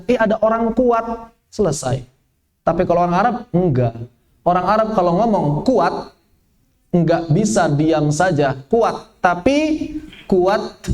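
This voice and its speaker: A man teaching a lively spoken lesson, asking and answering his own questions. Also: sits high. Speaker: Quran recitation teacher. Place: event hall, live workshop.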